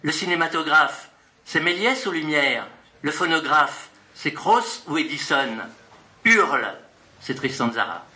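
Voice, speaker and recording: A man's voice: a little high, animated, a little slow, sharp tone, slight background noise. A man introducing and then reading his own poem aloud at a live poetry evening, in a rhythmic, playful, list-like delivery. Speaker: poet reading his work. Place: gallery at an evening event.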